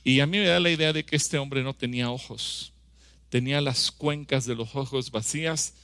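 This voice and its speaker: A male preacher delivers an emphatic sermon in a gravelly, forceful voice. He acts out scripture dialogue and keeps asking his listeners rhetorical questions. The sound is dry and close, with no room echo. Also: medium pitch, moderate pace. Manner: asks the congregation rhetorical questions.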